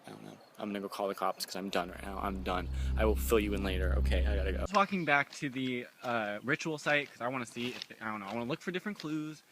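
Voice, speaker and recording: A young man filming himself in the woods, rambling nervously with uneasy laughs and swinging between hushed muttering and loud exclaiming. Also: fairly low pitch, fast, hardly any pauses, a little hiss or hum. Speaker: amateur paranormal vlogger. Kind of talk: handheld found-footage vlog. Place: woods outdoors.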